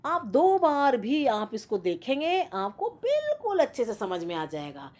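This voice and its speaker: A woman's voice: sits high, wildly swooping pitch, unhurried, a little mellow. A woman teaching a school grammar lesson, explaining patiently and often checking that students follow. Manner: patient, repeats and checks with "theek hai na". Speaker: Sanskrit teacher.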